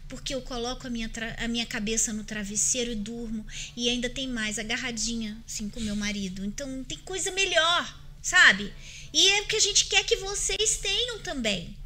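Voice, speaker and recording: Earnest Brazilian woman, high bright voice. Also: animated, normal speed. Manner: earnest, emphatic, addresses listeners directly. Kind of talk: faith-based advice chat.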